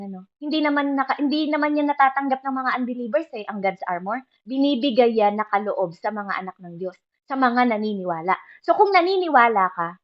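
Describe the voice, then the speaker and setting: Woman preacher, sermon, mixes Filipino and English, fairly high voice, slightly muffled lo-fi sound. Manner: speaks in Filipino mixed with English phrases, asking the listeners for agreement often.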